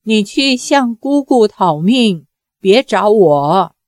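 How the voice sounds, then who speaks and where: A woman's voice: medium pitch, animated, slow pace, darkish tone, no echo, studio quality. A woman reading a storybook aloud and voicing a frightened, simple-minded young woman in a raised, pleading voice.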